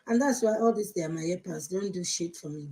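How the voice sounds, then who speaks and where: A woman's voice: fairly low pitch, fast, dark tone, rough recording. Outspoken Nigerian woman in her fifties. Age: 50s. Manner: chatty and outspoken, switching between English and Yoruba. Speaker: live-stream host. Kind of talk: casual live-stream chat answering viewer comments.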